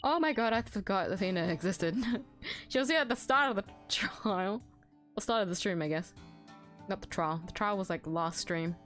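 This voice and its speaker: An Australian woman chats casually while streaming a game from home, giving let's-play commentary in an animated, medium-pitched voice at a moderate pace. Her tone is fairly bright, and she's giggly and self-deprecating, often tripping over her words. Faint music plays in the background.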